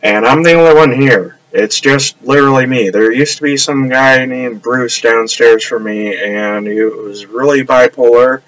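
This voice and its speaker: A man's voice: mid-range voice, a little slow, few pauses, a bit bright, low-quality recording. A man rambling casually on a live stream from his upstairs apartment, trailing off and restarting often.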